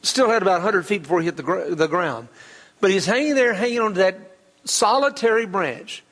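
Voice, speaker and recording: A man preaching a sermon as pastor, telling folksy stories and slowing down to stress key words. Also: high-pitched, animated, fairly bright tone, in a large hall. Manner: folksy storytelling, slows for emphasis.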